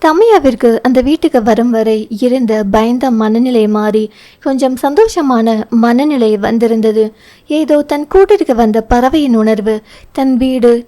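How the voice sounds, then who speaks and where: A woman's voice: a little high, mellow. A woman with a Tamil accent reading a novel aloud as an audiobook narrator, voicing the dialogue in much the same voice as the narration.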